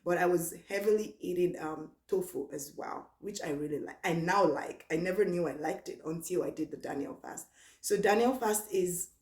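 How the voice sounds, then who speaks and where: A young Nigerian woman with a low, easygoing voice talks casually through a question-and-answer vlog. She reads each question aloud slowly, then answers in a relaxed, chatty way. Her voice rings in an echoey room. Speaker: vlogger.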